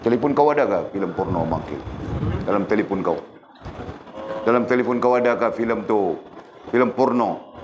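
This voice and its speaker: A man's voice: fairly low pitch, normal speed, long pauses, highs cut off, noisy background. A middle-aged man, giving a religious lecture in a conversational style and teasing his listeners with questions. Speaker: religious teacher.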